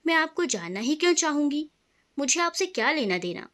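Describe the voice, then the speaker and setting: A woman's voice: high voice, sing-song, a little fast, fairly bright tone. A woman voicing a reserved, sad young wife who answers curtly and guardedly, in a storybook reading. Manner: curt, guarded.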